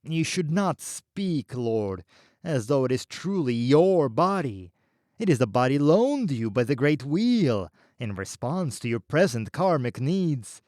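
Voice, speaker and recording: A deferential temple official, as a male reader voices him, soft and formal, explaining in measured, slow phrases. Dry close storybook reading. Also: medium pitch, big pitch swings, no echo.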